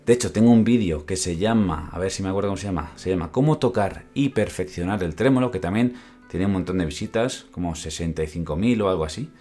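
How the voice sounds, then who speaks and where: A man's voice: low-pitched, fast talker, mellow. A man teaching classical guitar technique on a podcast, explaining step by step and often checking in with "¿vale?". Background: guitar playing between phrases.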